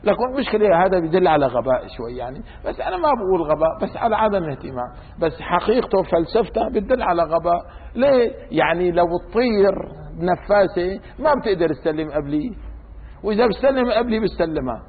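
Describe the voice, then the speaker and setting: A man's voice: high voice, expressive, fast. A man teaching an informal religious law lesson, colloquial and teasing with his students. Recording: lo-fi phone-like recording in a reverberant room.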